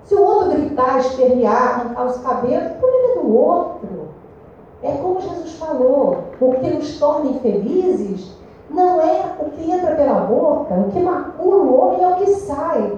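A woman with a Brazilian Portuguese accent giving a lively spiritual talk to a meeting group, questioning her listeners. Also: high-pitched, normal speed, a little hiss or hum. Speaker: speaker at a spiritist study meeting. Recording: echoey room, distant dull mic.

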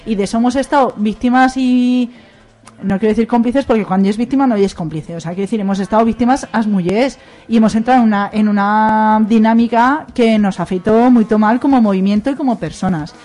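A woman from Aragón, with an Aragonese accent, speaks a bit high and briskly in a dark tone. She's a guest on a radio show, rambling emphatically during a casual roundtable chat.

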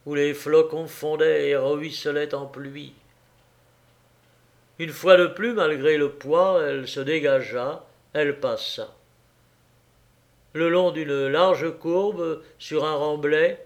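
A man reading a classic novel aloud as an audiobook, in a measured, deliberate way. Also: on the high side. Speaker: audiobook narrator.

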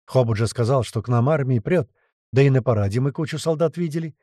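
A man's voice: medium pitch, fast talker, mellow, no echo, studio quality. A man reading a first-person audiobook in a blunt, swearing storytelling manner. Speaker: audiobook reader.

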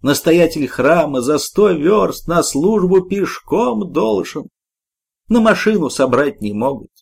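A man's voice: on the high side, animated, takes it slowly, gravelly, a little mellow, slightly rough, pitched above the performer's own voice, exaggerated voice. A man voicing a grumbling, indignant old village woman in an audiobook.

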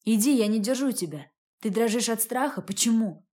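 A woman's voice: on the high side, moderate pace, warm tone, close to an everyday voice. Woman reading a cold, domineering rich man. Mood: angry. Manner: curt and cold.

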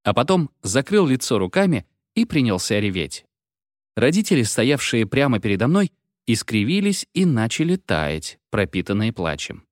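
A man reading a story aloud in an expressive storybook narration. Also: mid-range voice, normal speed, no echo, clean studio sound. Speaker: audiobook reader.

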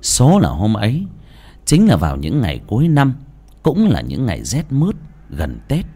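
Husky guy reading a sad drama story out loud, voice swoops up and down a lot. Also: medium pitch, huge pitch swings, normal speed. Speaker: narrator. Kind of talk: scripted storytelling narration.

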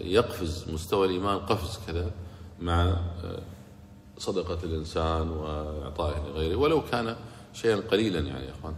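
A man giving a religious lesson on Quran commentary, speaking in a measured, hesitant way with drawn-out fillers and breaking into rhythmic recitation of verses. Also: deep voice, gravelly. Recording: echoey hall with faint hum.

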